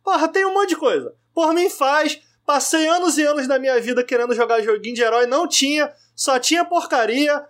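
A man's voice: very high voice, fairly quick, hardly any pauses, fairly bright tone. A Brazilian Portuguese man chats as a podcast co-host. He is opinionated and emphatic, talking casually with plenty of slang and the odd swear word.

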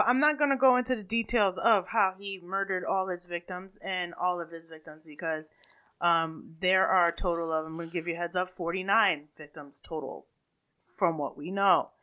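A woman's voice: medium pitch, pushed and bright. A woman with a Caribbean accent co-hosting a casual true-crime chat, talking in a hesitant, self-correcting way. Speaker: podcast co-host.

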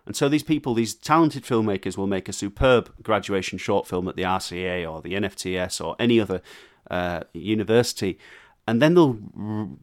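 A man co-hosting a casual podcast chat, talking in an animated, emphatic way with frequent restarts. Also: lowish voice, fairly quick.

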